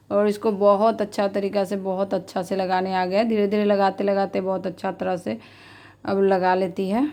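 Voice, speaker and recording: Female vlogger in her thirties, casual and repetitive, speaks in a flat, even tone. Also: mid-range voice. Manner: chatty, repetitive, heartfelt. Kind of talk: casual vlog narration.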